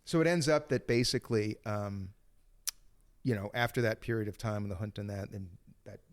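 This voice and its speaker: Rambling man in his fifties, storytelling. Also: mid-range voice. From born in Greece, raised in Cincinnati. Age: 50s. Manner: rambling, many restarts and fillers. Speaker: podcast guest. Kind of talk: casual storytelling interview.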